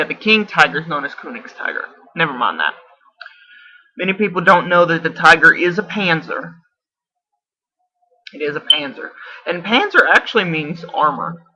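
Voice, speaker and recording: A man's voice: fairly high pitch, pushed and bright. A man in a casual video response, explaining at length, often correcting himself and unsure of details. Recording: dull lo-fi camera audio.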